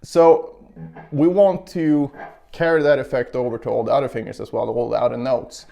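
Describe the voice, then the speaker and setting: A man's voice: mid-range voice, creaky, mellow. A man teaching a guitar lesson, explaining step by step and counting beats aloud as he plays. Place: indoor room with carpet. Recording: guitar heard faintly behind the voice. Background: guitar playing.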